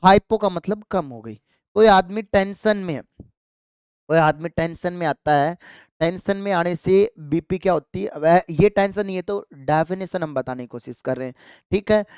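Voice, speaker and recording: Biology teacher for an exam-prep lecture: smooth, clear voice recorded dry and close, quizzes the class and drills key terms. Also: mid-range voice, normal speed, darkish tone, dry recording. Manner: asks students rhetorical questions and answers them; calls students affectionately "child" and "dear kids".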